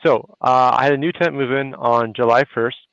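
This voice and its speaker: A Canadian man hosts a relaxed live discussion over a video call, talking in a loose, chatty way full of fillers. His audio is dull and lo-fi, and the sound is dry. His pitch sits in the middle. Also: fairly quick, vocal fry, no echo. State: a little out of breath. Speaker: host. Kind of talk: casual live video chat. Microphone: phone hotspot on a video call.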